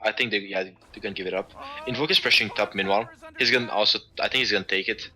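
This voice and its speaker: A man's voice: on the low side, fairly even intonation, rapid-fire, sharp tone, poor audio. A man giving casual esports analysis as co-caster, chatty critiques full of "like".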